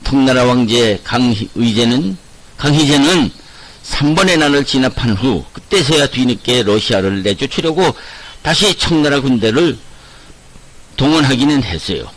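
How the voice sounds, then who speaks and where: A man's voice: medium pitch, animated, moderate pace, rough recording. An older man telling history to viewers in a loose storytelling way, sometimes correcting himself as he goes. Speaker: history channel host. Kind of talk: history narration.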